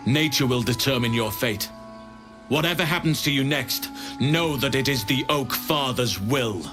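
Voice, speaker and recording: A man's voice: mid-range voice, moderate pace, natural voice. A man playing a righteous druid leader in a video game, grave, commanding and declamatory. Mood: righteous fury. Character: big druid leader, righteous, solemn, angry protector of nature. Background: game music.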